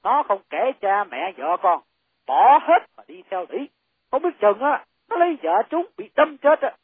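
A woman voicing a stern, stubborn old man who is an angry, disowning father, talking in a gruff, curt, scolding way. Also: fairly high pitch, very animated, moderate pace, no room sound, voice pushed down. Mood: scornful. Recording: thin, phone-like lo-fi sound.

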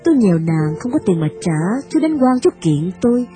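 A woman's voice: medium pitch, very animated, fairly quick, warm tone, faint music behind, natural voice. A woman voicing a poor, proud young woman who answers firmly and formally with indignation. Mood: explaining.

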